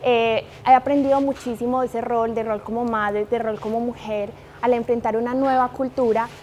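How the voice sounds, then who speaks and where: A woman's voice: fairly high pitch, fairly even intonation, moderate pace, darkish tone, a little hiss or hum. A Colombian woman in her thirties with a Manizales accent, talking earnestly as an interview guest. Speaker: guest, liquor brand manager. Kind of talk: interview conversation.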